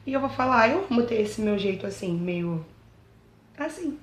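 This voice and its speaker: A Brazilian woman speaks casually and earnestly about her own experience. She keeps checking that the listener is following and pleads warmly with teachers. Her mid-pitched voice rings out in a roomy, echoing space. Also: expressive, moderate pace. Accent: Brazilian Portuguese. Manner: chatty, keeps asking "entendeu?". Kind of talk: casual personal talk to camera.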